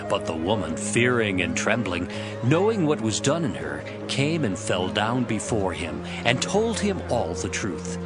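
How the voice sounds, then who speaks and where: A man with a lowish voice retells scripture as a dramatized story, taking his time and letting his pitch swing widely. The delivery is dramatic, like a storyteller's, with loud music underneath.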